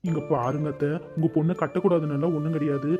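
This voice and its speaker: Brief: performer doing a fast-talking, argumentative young man in a cartoon, dull lo-fi sound, soft music under. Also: mid-range voice, lively intonation, lightly acted. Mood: pleading. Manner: protesting, argumentative. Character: young man, defiant son standing his ground. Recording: dull lo-fi audio with faint music.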